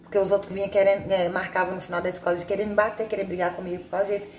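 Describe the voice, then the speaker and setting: A woman's voice: mid-range voice, little pitch movement, racing. A woman from Bahia, Brazil, chatting casually about her own life, rambling and restarting her sentences as she goes. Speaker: vlogger. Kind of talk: casual personal storytelling. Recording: echoey room with faint ambient noise.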